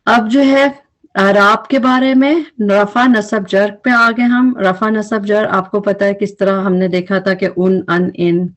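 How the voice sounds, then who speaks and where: A woman's voice: medium pitch, steady tone. A woman teaching an Arabic grammar recap lesson, explaining patiently and mixing English terms into her speech.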